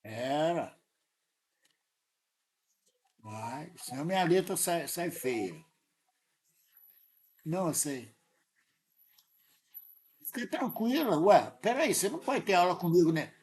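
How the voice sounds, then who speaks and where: A man's voice: fairly high pitch, very animated, takes it slowly, pauses often, a little mellow. A man with a Brazilian Portuguese accent tutoring a student in math, insistent and correcting them often. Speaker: math teacher. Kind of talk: live tutoring lesson.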